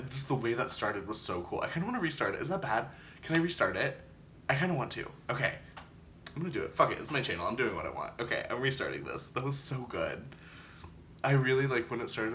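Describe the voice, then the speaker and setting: Lively, campy drag queen man. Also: medium pitch, fast talker, slight background noise. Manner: effusive, gushing. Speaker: music reaction video host. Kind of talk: casual excited album reaction chat.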